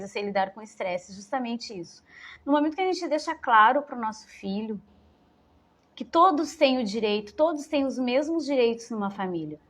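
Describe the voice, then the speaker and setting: A woman, giving an informal parenting talk to mothers and often rephrasing as she goes. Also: a little high. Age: 40s. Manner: warm, conversational, repeats and rephrases phrases. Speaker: educator speaking to mothers.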